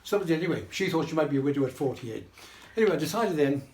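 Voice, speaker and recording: A man's voice: a little high, animated, fast talker. A man in his nineties giving a rambling, chuckling birthday speech full of anecdotes, with a lot of repetition. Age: 90s. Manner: rambling, repeats himself, chuckles while telling stories. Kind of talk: after-dinner anecdotal speech. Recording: roomy echo with loud room noise.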